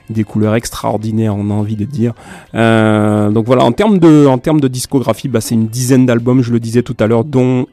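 A man's voice: medium pitch, mellow, no echo. A man hosting a music radio show from a studio, chatty and self-mocking, chuckling at his own slips. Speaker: radio host. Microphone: studio microphone.

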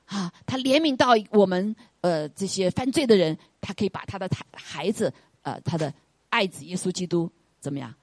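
A woman preaching an earnest, gentle sermon. She keeps asking the congregation rhetorical questions and often tags her points with the English word "right". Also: lowish voice, animated, normal speed, no room sound. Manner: earnest, gentle, pastoral delivery.

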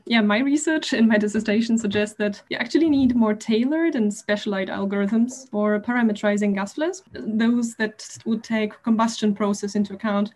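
A young woman from Poland, a doctoral researcher, explaining her work in a thoughtful, measured way with frequent pauses and fillers. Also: mid-range voice, darkish tone. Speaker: guest researcher. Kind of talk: casual interview.

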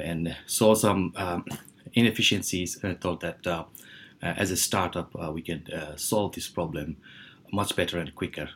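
A man's voice: sits low, slight background noise. A man from Bangladesh, a company CEO, answering podcast interview questions hesitantly with many fillers and restarts. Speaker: startup CEO guest.

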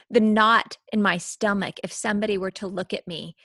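A woman hosts a casual chat, listening with sympathy and answering briefly. Her voice has a medium pitch. The sound is dry and close. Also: steady tone, moderate pace, fairly bright tone, no echo. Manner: sympathetic listener with short replies. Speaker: host. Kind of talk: casual conversation.

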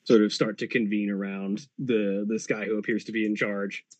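A man's voice: on the low side, flat delivery, moderate pace, dry recording. A man narrating an improvised tabletop role-playing game as game master.

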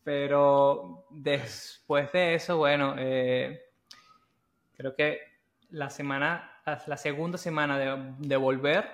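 A man co-hosting a casual chat, halting and repeating words as he goes. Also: mid-range voice, steady tone.

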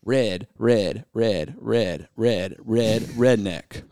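A man's voice: fairly low pitch, drawn-out words, warm tone, no room sound, studio quality. A man co-hosting a casual podcast, read-singing country song lyrics for laughs. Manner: reads song lyrics in a half-sung, joking way. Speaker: podcast co-host.

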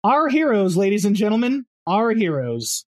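A woman of middling pitch chats as a tabletop game player. Her manner is dry and corrective, and the sound is close with little room. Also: sing-song, moderate pace, a little mellow, no echo. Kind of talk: casual table talk.

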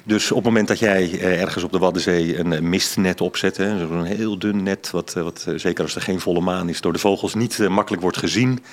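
A man's voice: low voice, fairly even intonation, a little fast, hardly any pauses. A middle-aged man, an author, explaining in a casual interview with many ums and restarts. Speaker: author and science journalist.

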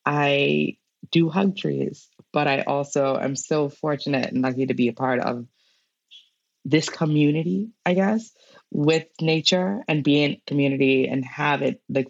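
A woman's voice: very deep voice, creaky, no echo, dull audio. A young Bahamian woman talking casually as an interview guest, full of "like" and "you know". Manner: chatty, many fillers like "like" and "you know". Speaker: guest climate scientist.

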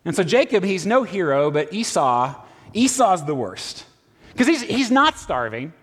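A man preaching a conversational sermon in a casual, animated way, full of fillers and restarts, heard in a reverberant church hall. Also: sits high, measured pace, slightly rough. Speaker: pastor.

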